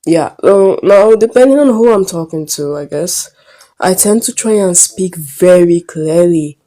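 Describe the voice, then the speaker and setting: A woman's voice: on the low side, animated, unhurried. A Nigerian teenage girl with a Nigerian accent, telling a casual storytime vlog in a rambling, hesitant way. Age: late teens. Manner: rambling and hesitant, often trailing off quietly. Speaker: vlogger.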